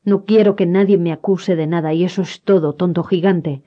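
A reader voicing a nervous, quick-tempered young man who stammers and snaps insults in defense of himself. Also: mid-range voice, fairly even intonation, close to an everyday voice. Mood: nervous, defensive. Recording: dull lo-fi recording.

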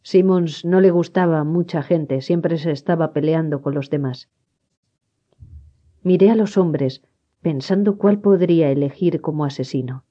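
A narrator reading a first-person story aloud in a measured, even storytelling manner. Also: medium pitch. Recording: dull lo-fi recording.

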